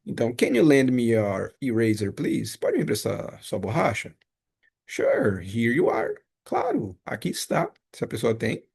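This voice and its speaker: Slow gravelly male teacher. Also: medium pitch, huge pitch swings, darkish tone. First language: Portuguese. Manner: patient, explains step by step, repeats examples. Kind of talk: casual exam review lesson.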